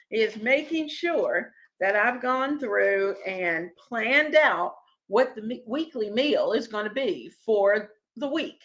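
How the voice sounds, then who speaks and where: A woman's voice: mid-range voice, pushed and bright, low-quality recording. A middle-aged woman hosting a home cooking live stream, chatting with viewers in a rambling, friendly way with many restarts. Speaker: cooking channel host.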